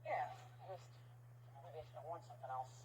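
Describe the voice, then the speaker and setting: An actress playing a brash, foul-mouthed female talent manager who rants in a gruff way. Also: sits low, animated, fast talker. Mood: grumbling. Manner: gruff, profane, ranting. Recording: dull clip audio, faint hum.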